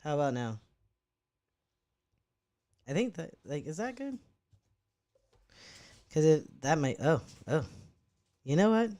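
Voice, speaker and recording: In a mellow, sing-song voice of medium pitch, neither deep nor high, a young streamer speaks slowly and pauses often. He rambles casually to his chat and swears freely as he fiddles with his setup.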